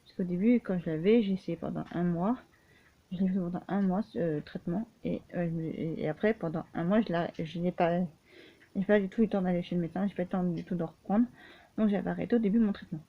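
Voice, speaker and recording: A woman vlogging casually, speaking haltingly with many restarts and fillers, often tired and short of breath. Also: on the low side. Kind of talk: casual personal vlog. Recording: tinny phone-like sound.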